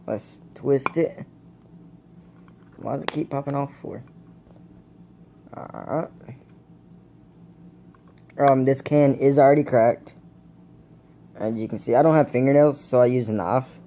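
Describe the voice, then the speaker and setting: A young man with a warm, mid-range voice films a casual home video from indoors, his camera propped on a blanket. He's a vlogger reviewing dip tobacco, rambling in a laid-back way to his viewers while fighting the hiccups.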